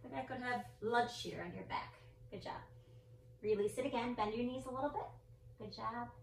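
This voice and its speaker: A woman teaching yoga indoors with a slightly high voice, giving gentle, encouraging cues and counting down each pose. She sounds roomy and set back from the mic, with a faint hum of ambience behind her. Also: normal speed, creaky, far from the mic. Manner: playful with her child. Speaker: yoga instructor. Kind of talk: guided family yoga class. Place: indoor room with a mirror and mat or carpet.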